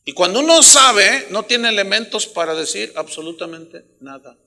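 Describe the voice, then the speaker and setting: A Mexican pastor preaches with a high, piercing, very bright voice. He swings between hushed asides and loud, emphatic bursts. He scolds his congregation bluntly but with a joking edge. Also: animated, normal speed. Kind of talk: sermon.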